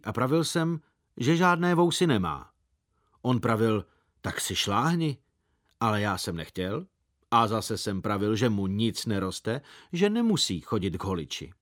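Man, storyteller, scripted narration, measured pace, animated intonation. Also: on the low side.

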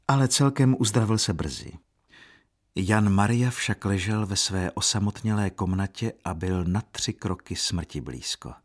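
A man narrating a classic novel in a measured, expressive audiobook reading. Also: low-pitched.

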